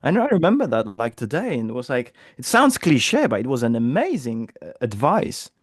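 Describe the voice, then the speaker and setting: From his home office in London, a Polish business coach in his thirties gives a casual, upbeat interview in a Polish accent, peppering his chatty speech with fillers. His medium-pitched voice swoops wildly in pitch, moves at a moderate pace and sounds slightly rough. The recording is studio quality with no echo.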